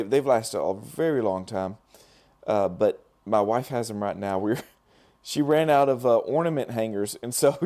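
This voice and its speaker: A hoarse middle-aged man whose voice is giving out hosts a casual live stream from his dental lab, rambling with fillers and restarts as he works and chats with viewers. His pitch sits fairly low, with a dark tone.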